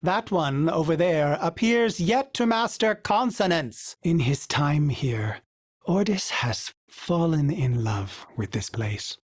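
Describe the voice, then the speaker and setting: In these game voice lines, a performer takes it slowly as a fussy, polite male starship AI who uses the third person for himself. The intonation is lively, the recording dry, and a glitchy synthetic filter overlays the voice. Expect courtesy, dry wit, wistfulness and sudden pitch leaps.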